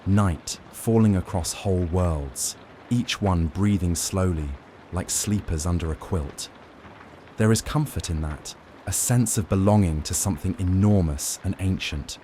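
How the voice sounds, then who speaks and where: A man giving a slow, soothing scripted bedtime narration in a gentle, measured, lulling manner. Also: low-pitched, a little hiss or hum. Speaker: narrator of bedtime lore stories.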